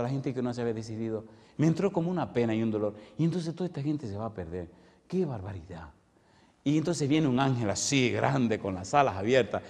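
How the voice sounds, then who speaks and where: A male pastor preaching in a church, animated and full of questions for the listeners. His voice sits at a middle pitch. It carries a long, ringing hall echo. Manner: animated, keeps asking the congregation questions. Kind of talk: sermon. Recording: long reverb in a large hall.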